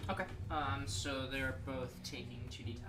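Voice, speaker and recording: A man playing a tabletop game in an echoey room, chatting casually and given to excitable delivery, with music behind. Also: medium pitch, moderate pace.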